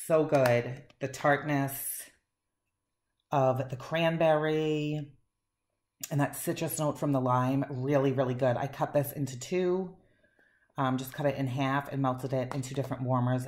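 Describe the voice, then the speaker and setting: Very low-voiced chatty woman. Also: a little mellow. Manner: chatty, enthusiastic, rambling with fillers. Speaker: wax melt reviewer. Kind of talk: casual chat. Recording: echoey room, faint noise.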